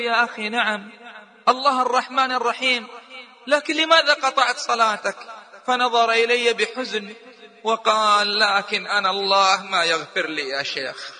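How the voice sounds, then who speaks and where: A man preaching a sermon in emotional storytelling style, impassioned and rising toward near-shouting. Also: high voice, in a large hall.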